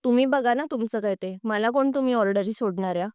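A woman's voice: a little high, quick pace, darkish tone, clear, resonant tone, no room sound, clean studio sound, lightly acted. Woman reading as a rude, scornful young wife. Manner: rude, scolding. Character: sharp-tongued haughty young wife.

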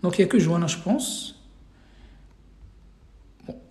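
Man, patient online teacher, higher voice, echoey room. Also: animated, unhurried, darkish tone. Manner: patient, repeats each question several times. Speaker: Arabic teacher. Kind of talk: live online class quiz.

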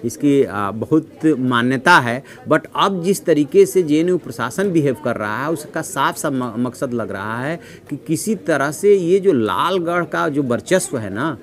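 A middle-aged man giving a measured news commentary from a newsroom desk, reading figures from notes, with frequent "uh" fillers. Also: a little high, lively intonation, a bit bright. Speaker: news analyst. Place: newsroom office, indoors.

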